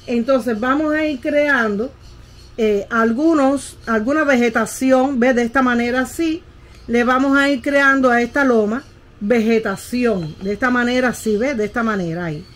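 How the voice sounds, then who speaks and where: A woman's voice: fairly high pitch, normal speed. A middle-aged woman, teaching how to paint a landscape in a casual tutorial and often checking that the viewer follows. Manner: patient, keeps asking "¿ve?" while demonstrating.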